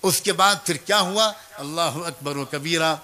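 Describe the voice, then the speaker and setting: A man's voice: fairly high pitch, sharp tone. A man preaching a storytelling sermon, earnest and emotive, turning to address his listeners directly.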